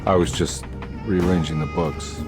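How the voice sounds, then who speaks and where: An actor playing a weary, dogged private detective in a video game, edgy and sardonic, with music behind him. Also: male voice, sits low, steady tone, measured pace. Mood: uneasy. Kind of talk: video game cutscene acting. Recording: background music under the voice.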